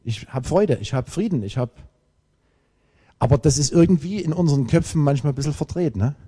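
Lively preacher man in a reverberant hall. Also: fairly high pitch, breathy edge. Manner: lively, emphatic preaching with dramatic pauses. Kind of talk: sermon.

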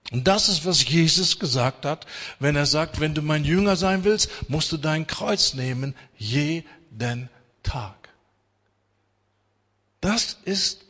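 Preaching a sermon, this middle-aged man pushes his words hard, climbing to loud urging before falling to a tense hush. The voice is fairly high, husky yet bright and cutting, and it rings with the long reverb of a big hall.

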